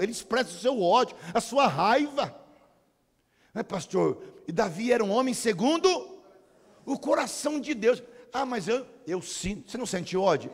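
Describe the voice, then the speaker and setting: Animated high-voiced preacher in a church hall. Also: male voice. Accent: Brazilian Portuguese. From Brazil. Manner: animated, humorous preaching with acted-out prayers. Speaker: pastor. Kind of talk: sermon. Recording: long church-hall reverb.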